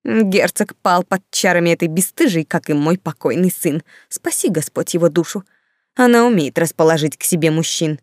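A woman voicing a scheming dowager countess who speaks in a sarcastic, measured way in an audiobook. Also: low-pitched, lively intonation, darkish tone, no room sound, studio quality.

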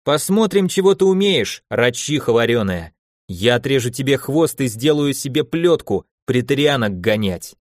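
A man's voice: mid-range voice, very animated, moderate pace, dry recording, studio quality, lightly acted. A man voicing a defiant young man who talks in curt, growling bursts. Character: defiant young man, gruff, quick to anger.

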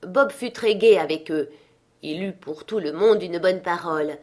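A woman reading a classic novel aloud as an audiobook, in calm, measured storybook narration. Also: lowish voice. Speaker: audiobook reader.

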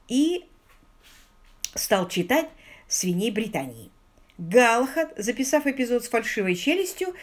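A woman narrating an audiobook in an expressive, ironic storytelling manner. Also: a little high.

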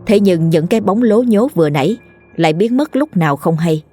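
A woman's voice: lowish voice, lively intonation, a little fast, dark tone, breathy edge. Woman narrating a ghost story. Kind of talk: dramatic storytelling.

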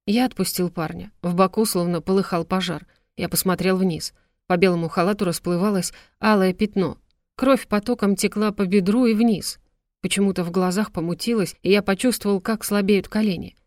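A woman narrating an audiobook story with steady storytelling. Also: medium pitch, fairly quick, no echo, clean studio sound. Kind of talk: scripted narration.

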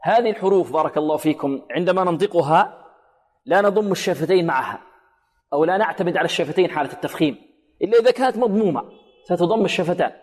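A man teaching Quran recitation on the radio, with a slightly high voice that rings out in a long reverb. He explains letter sounds in a patient, instructive way and keeps asking his listeners questions he then answers himself. He stretches out and chants example words slowly so that each sound is clear. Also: lively intonation, darkish tone. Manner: didactic, poses rhetorical questions to listeners. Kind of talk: radio tajweed lesson.

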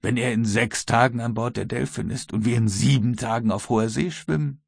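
A male audiobook reader voicing a bold, unflappable American servant with a husky voice. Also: mid-range voice, a little fast, dry recording, studio quality. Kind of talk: audiobook reading.

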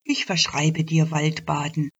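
A quiet, unhurried male doctor from a storybook, low and soothing. A woman voices him. The voice is slow and husky, and the recording sounds dull. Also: little pitch movement, heavily acted.

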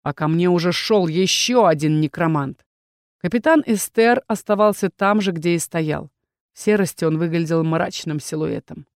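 A woman narrating a first-person fantasy story as an audiobook, lively and expressive. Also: on the low side, moderate pace, dry recording, studio quality.

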